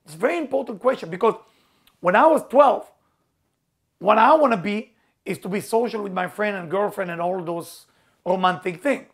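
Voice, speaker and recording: An animated, high-pitched male voice at a moderate pace belongs to a middle-aged spiritual teacher whose first language is Hebrew. His earnest motivational talk leans on emphatic repetition of key words, phrased as a non-native speaker would.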